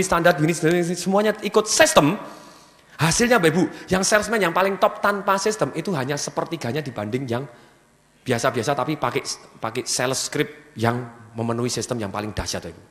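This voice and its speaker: A man giving a motivational business seminar to a live audience, energetically firing questions for them to finish. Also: on the high side. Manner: energetic, keeps asking the audience fill-in questions. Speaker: seminar speaker. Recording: long hall reverb from a venue PA.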